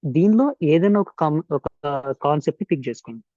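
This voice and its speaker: For an indoor screen-recording voice-over, a man with a Telugu accent narrates an informal step-by-step software tutorial, switching between Telugu and English mid-sentence and repeating instructions. His slightly high voice is expressive, fast, and warm. The recording is dry and lo-fi.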